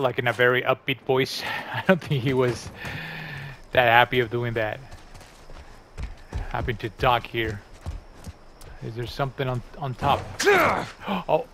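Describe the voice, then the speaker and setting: A man's voice: medium pitch, fairly bright tone, a little hiss or hum. Chatty man doing gameplay commentary. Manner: chatty, upbeat, rambling asides. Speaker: gaming channel host.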